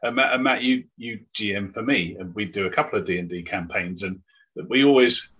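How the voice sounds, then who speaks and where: A man's voice: lowish voice, fairly quick, fairly bright tone, slightly rough. A man chatting wryly on a podcast, heard on a slightly dull recording. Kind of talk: podcast conversation. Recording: dull lo-fi audio.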